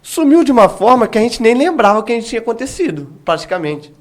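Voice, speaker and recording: Brief: high-pitched male evangelist, podcast guest, dramatic storyteller acting out quotes. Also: sing-song, fast talker. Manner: vivid storytelling that acts out remembered dialogue. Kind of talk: testimony in a podcast interview.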